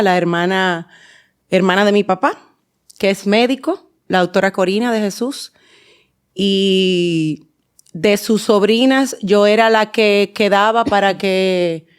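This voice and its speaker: A Dominican woman in her forties with a Dominican accent, a guest in a podcast interview, telling her story in an unhurried way with many fillers and restarts. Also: medium pitch, smooth. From Dominican Republic. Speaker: guest, endodontist and dental teacher.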